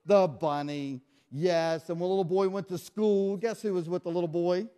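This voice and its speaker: Quizzing kids in call-and-response and acting playfully astonished, a man leads a children's magic show in a church hall with a live crowd. His high voice is mellow, clear, and resonant, with fairly even intonation and a moderate pace, and the hall echoes.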